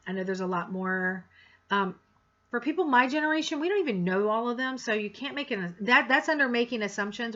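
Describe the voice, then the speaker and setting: A woman's voice: medium pitch, a bit bright, highs cut off. A woman instructor giving a course introduction in a frank, direct way with sarcastic asides. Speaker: college instructor.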